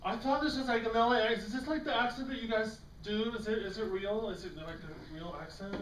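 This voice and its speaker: Guy doing a nervous newcomer, high quick voice, rambly, echoey stage far off. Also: fairly bright tone, slight background noise. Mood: awkward. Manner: hesitant, rambling, full of "like". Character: wide-eyed newcomer just off the bus.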